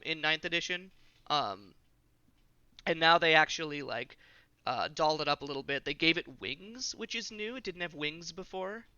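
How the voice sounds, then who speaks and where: A man's voice: fairly high pitch, pushed and bright, clear, resonant tone, dry recording, lo-fi sound. A man hosting a podcast, talking casually and with enthusiasm, with frequent filler words. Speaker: podcast host. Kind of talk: casual chat.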